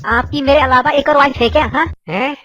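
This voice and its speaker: A woman voicing a fiery, jealous cartoon wife who scolds shrilly, in a high pitch-shifted cartoon voice. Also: fairly quick, dull audio, loud music behind the voice. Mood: angry.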